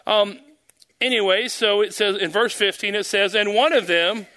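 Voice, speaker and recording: A man's voice: high-pitched, moderate pace, sharp tone. A man leading a church service as pastor, speaking at a pulpit microphone, praying fervently and preaching, and often repeating words and hesitating with ums. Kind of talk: fervent prayer and sermon.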